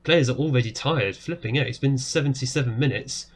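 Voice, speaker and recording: Sitting at his home desk in webcam framing, a man in his thirties chats through a football management game at a fairly quick clip. His medium-pitched voice is eager and spikes sharply, with him jumping up, each time a goal goes in. It sounds tired and slightly hoarse from so much talking in the small room.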